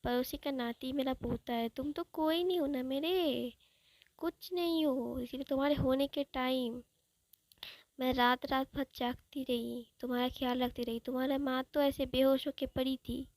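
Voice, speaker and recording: A woman's voice: sits high, steady tone, moderate pace, a little mellow, dry recording. A woman voicing an older grandmother who scolds with love and fusses over her grandson. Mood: scolding. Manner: fussing, chiding.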